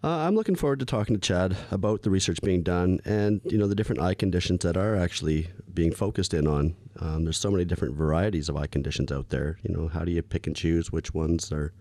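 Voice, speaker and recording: A male podcast co-host talking in a measured, thoughtful way. His voice is low and mellow, recorded dry and close. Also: no echo. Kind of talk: casual chat.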